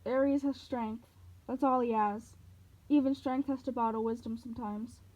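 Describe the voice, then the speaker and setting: A woman's voice: fairly high pitch, fairly even intonation, moderate pace, a little mellow, lightly acted. A woman voicing a clever young girl, a companion in a novel read aloud. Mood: advising. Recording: dull lo-fi recording.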